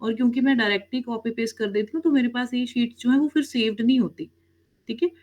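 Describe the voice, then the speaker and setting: Teaching Korean online, a woman with a higher voice and a darkish tone talks fast. She blends English words into her lesson and repeatedly checks on her students, calling them "beta" and asking "theek hai?" again and again.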